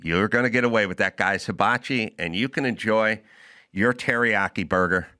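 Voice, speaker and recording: A man's voice: on the low side, normal speed, pushed and bright. A middle-aged man hosting a podcast, delivering an opinionated comedic rant and acting out both sides of imagined exchanges. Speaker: podcast host.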